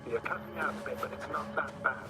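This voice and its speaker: A man's voice: on the high side, fast talker, loud music behind the voice. An actor playing a composed male superior officer in a video game, heard over a radio link that keeps cutting out. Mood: dry. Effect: choppy radio transmission cutting out.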